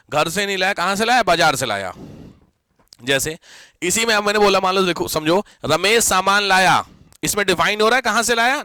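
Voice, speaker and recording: A male Hindi teacher lectures his class with a high, bright voice, working through example sentences step by step. He keeps asking whether everyone has followed and drops English words into his Hindi. The sound is dry and close. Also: dry recording. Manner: keeps checking if students understood, repeats examples slowly.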